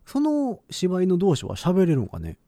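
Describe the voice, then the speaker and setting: A man's voice: high-pitched, wildly swooping pitch, measured pace, mellow, dry recording, clean studio sound. A man with a Kansai accent co-hosting a podcast in casual, joking banter. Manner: joking banter with playful quoted asides. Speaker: podcast co-host. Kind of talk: casual chat.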